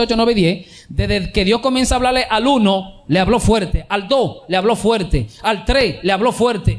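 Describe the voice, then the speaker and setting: A man preaching a sermon as pastor, emphatic and repetitive, with rhetorical questions. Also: sits high.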